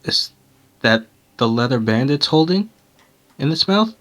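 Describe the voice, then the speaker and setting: A man's voice: mid-range voice, big pitch swings, a little slow, fairly bright tone. A man playing a tabletop game with friends, casual and chatty. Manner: speaks in character in quotes. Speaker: player.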